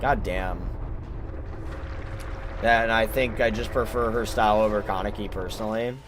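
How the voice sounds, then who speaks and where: A man's voice: on the low side, fairly even intonation, moderate pace, noisy background. A man giving live gameplay commentary, thinking aloud, muttering and swearing at the game as he plays. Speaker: gaming channel host.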